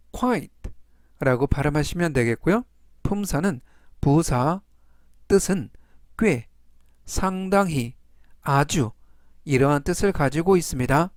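A man teaching English vocabulary in a methodical lesson, repeating each word three times and reading the English example sentences very slowly. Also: on the high side, dry recording, studio quality. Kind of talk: slow, deliberate vocabulary lesson.

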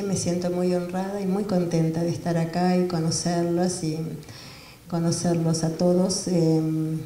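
A woman giving an academic lecture in a measured, explanatory way. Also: fairly low pitch, mellow. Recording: roomy hall from far off.

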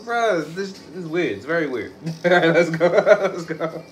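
A man in playful, slangy, excitable banter during a casual vlog game, with music playing over his voice. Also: a little high, a little slow, slight background noise.

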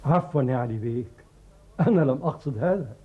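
An actor playing a learned, principled sheikh who speaks in measured, formal tones in a period drama. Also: male voice, medium pitch, expressive, slightly rough, narrow, tinny audio. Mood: grave. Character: learned older sheikh, calm, principled historian.

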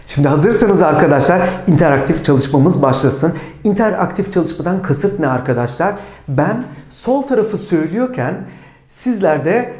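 A language teacher walks learners through a dialogue, explaining each phrase patiently and repeating words slowly for pronunciation. The voice rises and falls animatedly, and it sounds recorded in a roomy, echoing space. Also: medium pitch, a little mellow. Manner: explains patiently, asks the learners rhetorical questions. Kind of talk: spoken language lesson. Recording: roomy echo.

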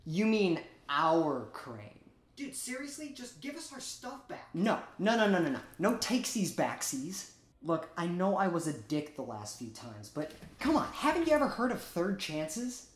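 Young man as a petulant, animated world leader. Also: on the high side, a little slow. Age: young adult. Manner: slangy, petulant. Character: squabbling, childish world-leader delegates. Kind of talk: sketch comedy acting. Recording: roomy echo.

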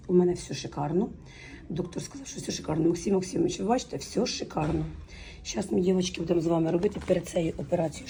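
A woman's voice: fairly low pitch, warm tone, a little hiss or hum. A woman from Ukraine, chatting affectionately to her followers in a walking vlog, filmed on a phone. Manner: chatty, affectionate, mixes Ukrainian and Russian words. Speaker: vlogger. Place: outdoors on city streets, then in a clinic hallway.

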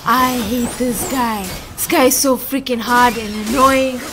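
A woman's voice: on the high side, steady tone, unhurried. A woman commenting on her own video game play, rambling and mocking herself, muttering and exclaiming as she goes. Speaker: gamer streaming gameplay. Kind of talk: self-deprecating gameplay commentary. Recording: game music playing behind.

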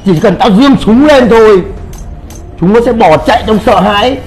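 A man's voice: sits high, moderate pace, a little mellow, soft background music, rough recording. A man giving casual gameplay commentary, swearing and crying out in pain as he plays. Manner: swears, cries out in pain during play. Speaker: gamer streamer.

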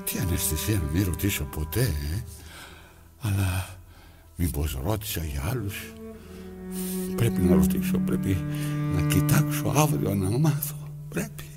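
A man's voice: low-pitched, lively intonation, long pauses, loud music behind the voice. An actor playing an aging, lonely man who talks to himself and his needle while mending his trousers, coaxing one moment and scolding the next. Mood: rambling. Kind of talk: theatrical monologue.

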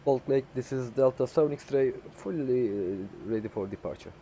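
Man as pilot on cockpit headset, clipped readbacks, warm low tone, faint hum. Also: moderate pace, poor audio. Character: airline pilot calling on cockpit headset radio. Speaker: flight simulator streamer flying as pilot. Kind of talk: clipped radio phraseology readbacks.

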